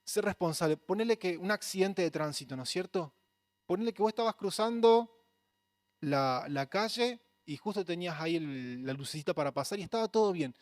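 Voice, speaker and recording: Man, Rioplatense accent, pastor, conversational sermon, fairly high-pitched. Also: lively intonation, a little fast, no room sound. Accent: Rioplatense Spanish. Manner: earnest, conversational preaching with acted quotes.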